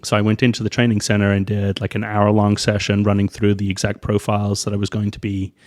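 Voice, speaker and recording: A man with a Northern Irish accent, an airline pilot guest in a casual interview, telling stories animatedly and acting out the people he quotes. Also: fast. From Northern Ireland. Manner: animated storyteller, acts out quoted voices with big pitch jumps.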